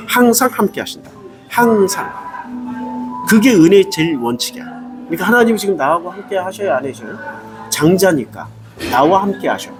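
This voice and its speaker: Pastor, man, middle-aged, emphatic and emotional delivery, high voice, music bed underneath. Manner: emphatic, rhetorical questions, emotional. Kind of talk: sermon. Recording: music playing behind.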